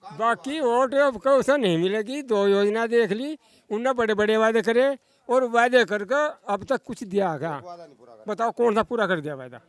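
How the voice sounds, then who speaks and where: Very high-voiced indignant villager, man. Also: moderate pace. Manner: forceful, indignant complaining. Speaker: villager interviewed. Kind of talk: street interview answers.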